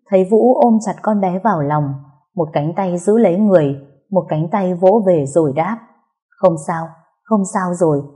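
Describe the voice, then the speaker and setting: Low, husky woman narrating a story. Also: mellow. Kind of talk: scripted first-person story narration.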